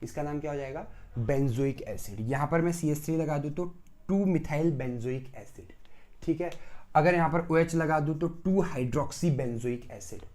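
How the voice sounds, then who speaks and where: In a recorded pharmacy chemistry lecture, a man with a voice on the high side speaks at a moderate pace. He poses questions to the class, answers them himself and repeats key terms several times, swinging between loud bursts and soft asides.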